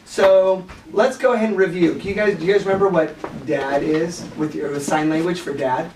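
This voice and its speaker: A man's voice: on the high side, steady tone, moderate pace, noisy background. A man teaching a children's Bible class, encouraging the kids and prompting them with questions. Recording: echoey room, mic far off.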